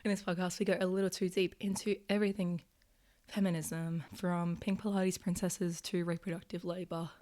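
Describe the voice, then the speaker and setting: Hoarse, sick-sounding young woman podcaster. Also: fairly low pitch, flat delivery, normal speed. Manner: chatty, many filler "like"s. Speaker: podcast host. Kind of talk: casual podcast monologue.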